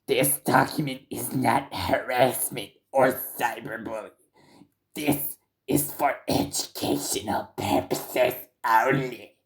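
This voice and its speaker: Here a man mimics a woman reading an exposé, stumbling through it in a breathy half-whisper. He takes his time, keeping a medium pitch and fairly even intonation.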